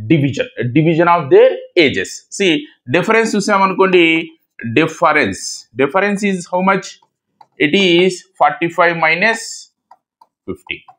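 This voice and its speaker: A man's voice: fairly high pitch, fairly bright tone. A man with a Telugu accent, a native Telugu speaker, teaching a math lesson in English and Telugu. He repeats key words and asks questions that he answers himself.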